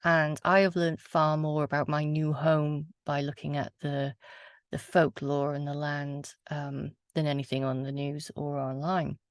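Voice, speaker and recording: A woman's voice: low voice, little pitch movement, a little slow, clean tone, no echo, clean studio sound. A woman storyteller, from Wales, talking earnestly with some hesitation before reading her own poem. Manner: reflective, earnest, with hesitant fillers. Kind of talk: casual talk and poetry reading.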